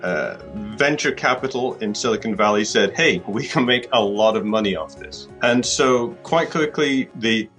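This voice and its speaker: Thoughtful man, lowish voice. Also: normal speed, hardly any pauses, a bit bright, faint music behind. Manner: thoughtful, restarts and repeats words while reasoning. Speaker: author, interview guest. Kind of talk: conversational interview.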